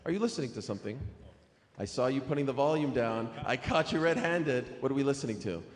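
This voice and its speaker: A man's voice: medium pitch, animated, quick pace. A man hosting a press conference, chatty and playful, saying he is losing his voice. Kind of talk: press conference moderating, hype introductions. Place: large echoey press room. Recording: echoey hall, faint ambience.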